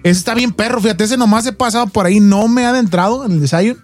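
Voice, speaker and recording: A man's voice: high-pitched, fast, dry recording, soft background music. A man with a northern Mexican accent hosting a radio show in playful, informal banter full of colloquial slang.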